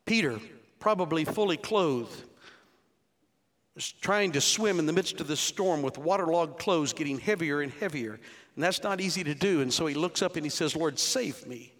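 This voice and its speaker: A pastor in his sixties, his voice fairly high and a bit bright, preaches at a normal speed to his church congregation. His sermon is conversational and laced with rhetorical questions, heard through long hall reverb.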